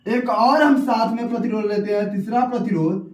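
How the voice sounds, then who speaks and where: A man's voice: high-pitched, fairly even intonation, moderate pace, distant mic. A young man teaching a science lesson at a whiteboard, explaining step by step and repeating key terms. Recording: echoey room, off-mic.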